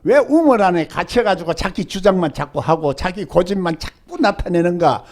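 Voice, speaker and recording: A man's voice: sits high, expressive, normal speed, darkish tone. An older male pastor with a Gyeongsang Korean accent, preaching a sermon and often asking the congregation rhetorical questions.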